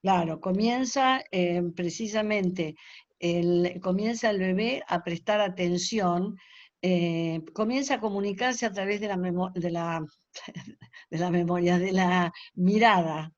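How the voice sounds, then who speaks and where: A woman's voice: fairly low pitch, slow, no room sound. Older woman, lecturer on a webinar, hesitant and explanatory, dull dry call audio. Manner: explanatory, many hesitations and fillers. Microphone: video call.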